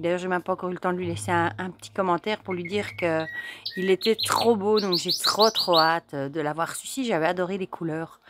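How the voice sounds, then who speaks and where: A woman with a fairly low voice shows her favourite card decks in a relaxed, chatty way, often stopping on fillers and repeating words as she goes. A steady hiss and birds chirping run under her voice. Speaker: tarot deck reviewer. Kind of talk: casual show-and-tell to camera.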